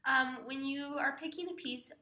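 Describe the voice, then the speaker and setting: A woman's voice: high-pitched, fairly even intonation, moderate pace, sharp tone, echoey room, poor audio. A teenage girl explaining how to prepare a dramatic interpretation piece, reading out headings and then explaining them with fillers. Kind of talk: casual instructional talk.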